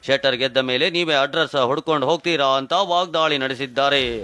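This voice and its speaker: A man's voice: medium pitch, a little fast, sharp tone. A man narrating a scripted news report in a dramatic, punchy style, with a Kannada accent.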